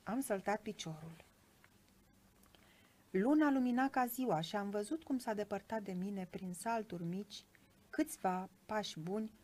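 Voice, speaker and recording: A woman hosting a book show, reading a children's story aloud in an expressive, lilting way. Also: fairly high pitch. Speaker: radio book show host.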